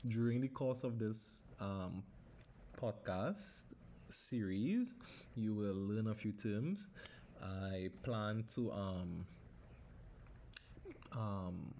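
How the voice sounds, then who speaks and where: On a relaxed solo podcast, a man in his thirties with a Trinidadian accent swears freely and lapses into Caribbean dialect. He speaks at a fairly low pitch with a slightly mellow sound, and there's a little background noise.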